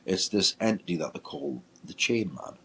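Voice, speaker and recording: A man, a paranormal investigator, telling a ghost-hunting story in a lively way and acting out his own reactions. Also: low-pitched, moderate pace, slight background noise. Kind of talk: storytelling in casual chat.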